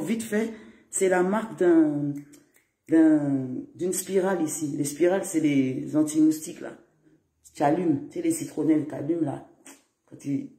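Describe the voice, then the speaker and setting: Rambling high-voiced man live streaming. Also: dark tone. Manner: rambling, chatty, laughs often, greets viewers. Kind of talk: casual live-stream monologue. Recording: roomy echo.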